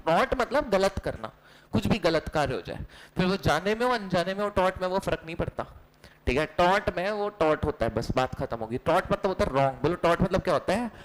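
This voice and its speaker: A man's voice: high voice, animated, normal speed, low-quality recording. An Indian male teacher giving a playful online lecture, joking and quizzing his students with repeated lines. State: recently unwell. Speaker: online exam-prep teacher. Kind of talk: energetic classroom lecture.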